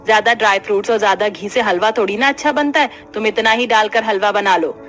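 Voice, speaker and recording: A woman voicing a stingy older mother-in-law in an animated family story, bossy and scolding. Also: medium pitch, quick pace, close to an everyday voice. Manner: scolding, penny-pinching.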